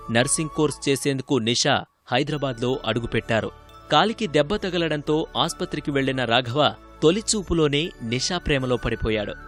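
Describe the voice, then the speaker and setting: Male feature narrator, mid pitch, formal studio read over soft music. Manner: measured and formal. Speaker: news reporter. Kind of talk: scripted news narration.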